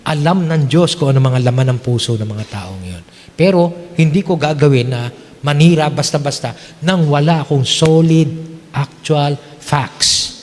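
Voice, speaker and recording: A male pastor delivers a sermon in a slightly high voice, his words ringing out with a long reverb in a church hall. He keeps it conversational, often checking in with his listeners, and slides easily between Tagalog and English. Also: normal speed, darkish tone.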